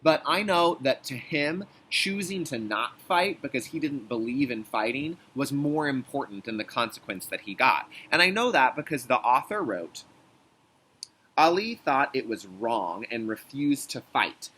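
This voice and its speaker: A man who works as a kindergarten teacher runs a read-aloud lesson for little kids with deliberate enunciation and a teaching manner. His mid-range voice is animated, pushed, and bright, while the poor audio has a little hiss or hum.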